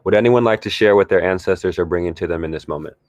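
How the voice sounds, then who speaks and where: A man hosting a guided group talk, speaking in a calm, drawn-out, reflective way with sighs. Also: deep voice. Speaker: host leading a guided discussion. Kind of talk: slow meditative guided talk.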